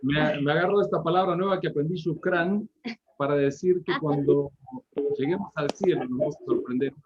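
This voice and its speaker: A man from Patagonia, giving a missionary report over a video call in a joking, lively way. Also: on the high side, normal speed, dull audio, slight background noise. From Argentine Patagonia.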